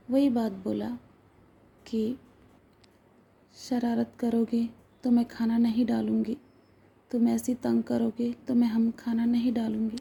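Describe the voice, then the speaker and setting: A woman's voice: fairly high pitch, creaky, dark tone, slightly rough, full character voice. A woman voicing an earnest, hungry eight-year-old boy who pleads as he explains himself to his father in a told story.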